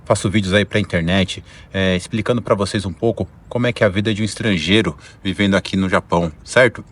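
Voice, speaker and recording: A man's voice: low-pitched, fairly even intonation, quick pace, a bit bright. A man with a Brazilian Portuguese accent, hungover and worn-out, talking casually as he hosts an explanatory vlog. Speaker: video channel host.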